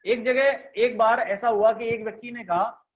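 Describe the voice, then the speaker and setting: Speaking at an extremely high pitch with fairly even intonation, this man leads an online sales training at a moderate pace over lo-fi audio. He walks through each step, goes over points again, and checks that his audience follows.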